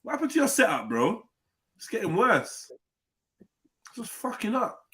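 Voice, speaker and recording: A young man with a bright voice and lots of rise and fall, joking and eager. He comes through a group voice chat online, talking in casual slang. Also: high voice, wildly swooping pitch, normal speed. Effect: group voice chat over the internet. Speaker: panel member.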